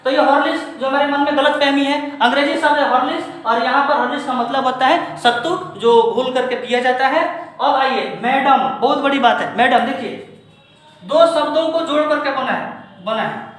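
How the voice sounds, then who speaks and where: A man from India with a very high-pitched, a bit bright voice speaks at a moderate pace in a very echoey room. He's a teacher giving a spoken lesson, lecturing rhetorically and putting questions straight to his listeners.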